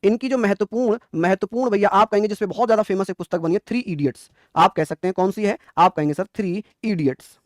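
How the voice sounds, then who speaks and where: A man's voice: sits high, fast, few pauses, no room sound, studio quality. A man teaching an exam quiz class, coaxing answers and praising often.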